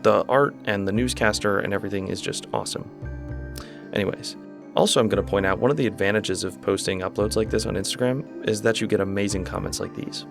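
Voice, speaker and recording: Speaking quickly with a fairly low voice and vocal fry, a man hosts a YouTube video that casually breaks down a horror series. His voice-over runs over music, relaxed and chatty, with enthusiastic asides in his analysis commentary.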